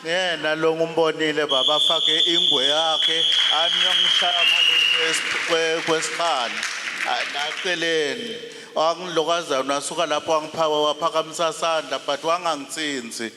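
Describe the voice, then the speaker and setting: A man with a slightly high voice tells his account off the cuff, halting and correcting himself. The recording is noisy and reverberant. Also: steady tone, a loud crowd. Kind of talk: spontaneous spoken testimony.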